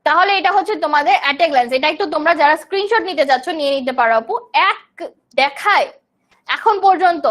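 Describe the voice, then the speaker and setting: Young woman, from Bangladesh, online English teacher, high voice, live class, answers student comments. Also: expressive, quick pace, fairly bright tone. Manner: explains terms in Bengali, reads student comments aloud.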